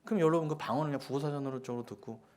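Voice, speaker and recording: A man preaching a sermon as pastor, with forceful rhetorical questions and sudden hushed asides. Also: mid-range voice, very fast.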